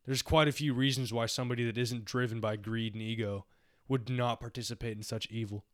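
A man's voice: medium pitch, steady tone, brisk. A young man co-hosting a podcast, musing in casual philosophical chat with a lot of "like" and "you know". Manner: rambling, reflective, heavy use of "like". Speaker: podcast co-host.

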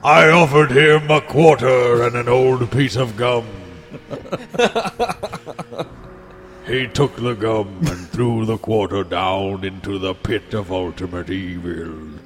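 A man voicing an ancient undead male sorcerer who speaks slowly and grandly but drops crude jokes. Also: lowish voice, faint music behind. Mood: rambling. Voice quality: slow, solemn, grandiose delivery with crude jokes.

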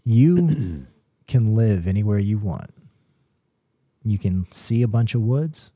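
A man co-hosting a paranormal podcast, explaining his views in a measured casual way with restarts. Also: on the low side, expressive, mellow, dry recording, studio quality. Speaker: podcast co-host, paranormal investigator. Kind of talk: casual chat.

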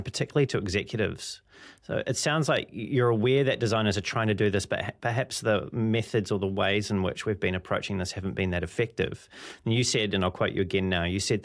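A man hosting an interview, asking long, measured questions and quoting his guest. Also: lowish voice. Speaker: interviewer, host.

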